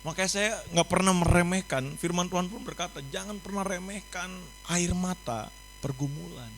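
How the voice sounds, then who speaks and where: A young man preaching a sermon at an online youth service, switching between loud exclamations and quiet, confiding passages. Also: high-pitched, moderate pace, soft background music, low-quality recording.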